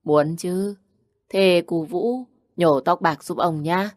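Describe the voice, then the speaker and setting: A kind old grandfather reassures in a low, steady voice, as a woman voices him in a storybook. He sounds calm and comforting. The recording is dry, with nothing behind it. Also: takes it slowly, no echo. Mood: reassuring.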